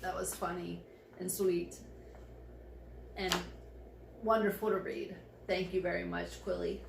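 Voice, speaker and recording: A woman's voice: fairly low pitch, level tone, measured pace, gravelly. A tipsy, slightly drunk woman reading a story aloud as an amateur, effusive and giggly, stumbling over her words and adding gushing asides. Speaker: fan fiction reader. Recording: echoey room with faint background noise.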